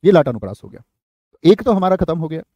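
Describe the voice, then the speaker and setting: A young man teaching an online exam-prep class, repeating phrases slowly for students to write down and calling on them by name. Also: fairly high pitch, sing-song, mellow, no echo. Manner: slow, repeats phrases for dictation, addresses students.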